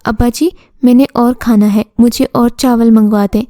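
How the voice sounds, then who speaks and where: A woman's voice: on the high side, fairly even intonation, normal speed, dark tone, dry recording, lightly acted. A woman voicing a greedy, defiant little girl in a storybook tale, reading her lines in an insistent, demanding way.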